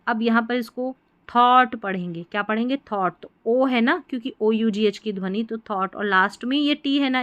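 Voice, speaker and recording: Woman teacher going over english sounds, higher voice, says words again and again, dry close mic. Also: dry recording. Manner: repeats words and asks students to answer back. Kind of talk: spelling and pronunciation lesson.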